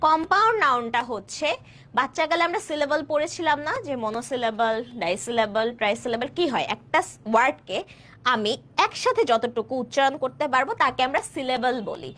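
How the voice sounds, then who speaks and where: A Bangladeshi woman in her twenties, an admission test English tutor, teaches an online grammar class in a high, expressive, slightly bright voice. She keeps asking students questions to make sure they understand and draws out her example sentences slowly.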